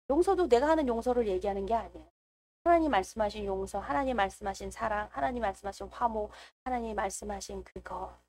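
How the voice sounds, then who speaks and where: A woman's voice: on the high side, darkish tone. A woman preaching a fervent church sermon, calling out hallelujah again and again as she tells a personal story. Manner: fervent, calls out hallelujah often. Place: church service.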